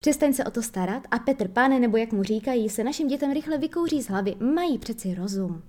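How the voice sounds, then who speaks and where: A grown father scoffs and brushes off his wife's worries, as a woman reading the storybook puts him on. The voice stays soft and mellow and sits fairly high. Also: animated, close to an everyday voice. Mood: scoffing.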